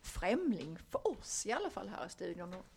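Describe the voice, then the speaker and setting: A woman's voice: medium pitch, very animated, a little hiss or hum. A woman hosting a casual community radio show, chatting loosely, giggling and using plenty of fillers. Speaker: radio host.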